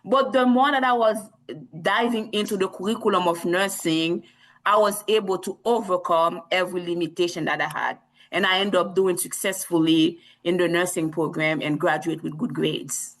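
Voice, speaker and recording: A woman's voice: on the low side, moderate pace, low-quality recording. A woman from Haiti, a nurse practitioner, speaking earnestly as a podcast guest with many restarts. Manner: earnest, repeats herself, frequent restarts. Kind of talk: interview conversation.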